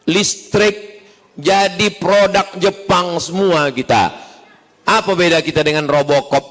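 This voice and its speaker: Lively joking preacher man in a hall. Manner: lively, joking storyteller who swings between high bursts and low asides. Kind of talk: sermon. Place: mosque complex hall. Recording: long reverb of a large hall.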